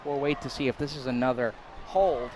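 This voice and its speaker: A young man giving live college football play-by-play, excitable, rising to shouts on big plays and sometimes stumbling over his words. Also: medium pitch, fairly quick, noisy background. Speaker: play-by-play commentator.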